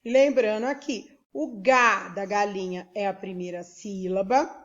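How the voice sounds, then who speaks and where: A woman from Brazil teaches a recorded school lesson, slowly spelling out words one syllable at a time and quizzing her pupils to make sure they follow. Her medium-pitched voice is a bit bright with fairly even intonation, though the audio sounds dull.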